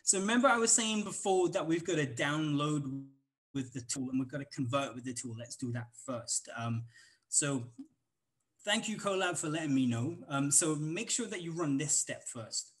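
A man's voice: a little high, expressive, normal speed, fairly bright tone, poor audio. A man with a Welsh accent giving a casual live coding walkthrough at a conference, rambling with many ums and restarts. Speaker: conference instructor.

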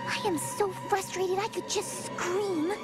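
A woman's voice: very high-pitched, fairly even intonation, takes it slowly, over loud music. A woman voicing an exasperated female pony in a cartoon. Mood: frustrated.

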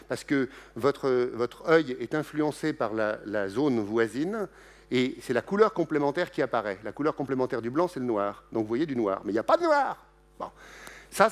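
A middle-aged man gives a public science lecture in a lively, joking way. His pitch leaps up and down as he talks, and he often breaks off to restart a sentence or add an aside. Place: lecture hall.

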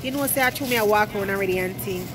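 A woman's voice: mid-range voice, racing. Chatty Jamaican woman filming in a supermarket. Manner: chatty, laughs often, talks to viewers while walking. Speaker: vlogger. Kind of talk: casual vlog chat. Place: large indoor supermarket. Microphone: phone held at arm's length. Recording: loud store background noise.

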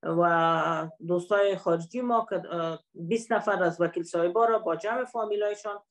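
A woman speaking at an online panel, talking quickly with drawn-out fillers between phrases. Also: fairly low pitch.

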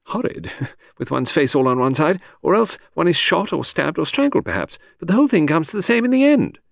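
A man's voice: on the high side, very animated, a little fast, gravelly, no echo, studio quality, voice pushed up. A man doing Lady Angkatell, a chattering older aristocrat lady. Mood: breezy. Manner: chattering, rambling, breezy.

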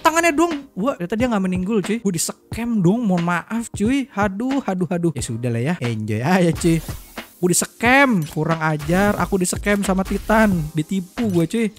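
A young man from Indonesia, giving casual gameplay commentary and breaking into loud yelps as he plays. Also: high voice, moderate pace, soft background music. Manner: excitable, slangy, bursts into loud yelps during play. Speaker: gaming YouTuber.

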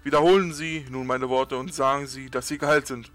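A man voicing a smug hypnotist in a spoken joke, in a lightly raised, louder voice. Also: mid-range voice, fairly even intonation, brisk, close to an everyday voice.

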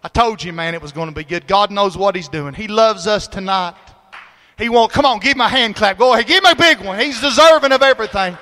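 A pastor preaches in a sanctuary, his high, bright voice ringing out with long reverb around it. He tells his story in a folksy, conversational way before climbing into loud, shouted praise. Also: fairly quick. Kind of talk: sermon. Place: church sanctuary.

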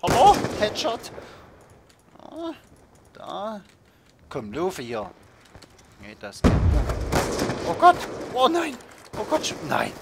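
A young man hosting his own gaming video, giving excited play-by-play of a shooter match and yelping at every hit. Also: high-pitched, slow, gravelly, pauses often. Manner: yelps and groans at the game, shouting in bursts. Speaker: gaming channel host. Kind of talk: excited Call of Duty commentary. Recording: loud background game noise.

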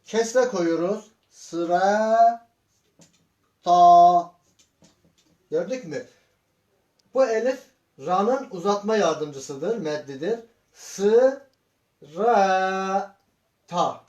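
Man, Quran reading teacher, very slow, syllable by syllable, patient, echoey room. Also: sits high, lively intonation, darkish tone, muffled recording. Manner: patient, repeats syllables and asks questions.

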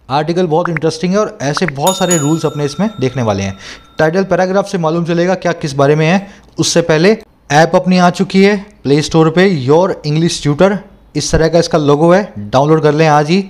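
A young man teaching English for exams, explaining words slowly and repeating each term in two languages. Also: a little high, a little mellow. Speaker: English tutor. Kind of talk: exam-prep lesson.

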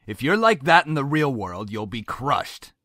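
A man's voice: mid-range voice, big pitch swings, moderate pace, pushed and bright, no echo, clean studio sound. Stern controlling father. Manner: cold, commanding, explodes in anger. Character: stern controlling father, middle-aged businessman. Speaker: voice actor.

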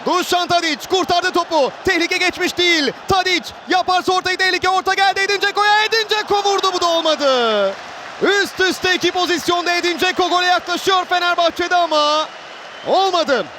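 A man giving live football play-by-play in an excitable way, with clipped phrases and drawn-out names. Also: extremely high pitch. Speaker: football match commentator. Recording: roaring stadium crowd noise behind voice. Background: stadium crowd ambience.

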